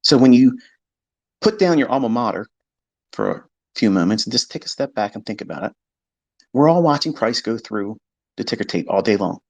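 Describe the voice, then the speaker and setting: A man's voice: medium pitch, very animated, a little fast, long pauses, no room sound, highs cut off. A man teaching trading on a live stream, talking in a blunt, emphatic way and swearing freely. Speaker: trading educator. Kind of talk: unscripted live-stream lecture.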